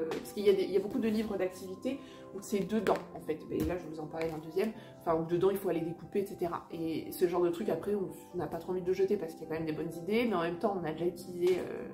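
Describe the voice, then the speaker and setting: A woman's voice: on the low side, steady tone, fast talker, music in the background. A woman casually showing children's books at home beside a fireplace, hesitant, with many fillers and restarts. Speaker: vlogger and mother sharing children's books. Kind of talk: casual show-and-tell chat. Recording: roomy echo.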